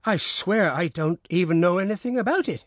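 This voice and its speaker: A man's voice: high voice, lively intonation, a little fast, no room sound, clean studio sound, pitched above the performer's own voice. A man voicing an old country peasant who protests his innocence in an agitated way. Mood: alarmed.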